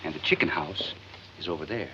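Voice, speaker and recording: An actor playing a glib, jovial carnival leader with grand folksy speechifying in a 1940s film comedy. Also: male voice, very deep voice, brisk, pushed and bright, a little hiss or hum, full character voice. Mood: jovial, showy. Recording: dull old film soundtrack, music behind.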